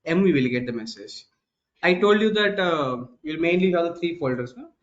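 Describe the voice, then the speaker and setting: A man's voice: a little high, expressive, normal speed. A man with an Indian English accent teaching a programming class live online, repeating key terms and quizzing his students. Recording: dull, echoey online class call audio.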